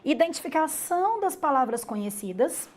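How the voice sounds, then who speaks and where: A woman's voice: high voice, big pitch swings, moderate pace. Chatty Brazilian woman teaching a webinar. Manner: chatty, calls herself "the teacher", frequent "né?" tags. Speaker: English teacher. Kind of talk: live webinar lesson.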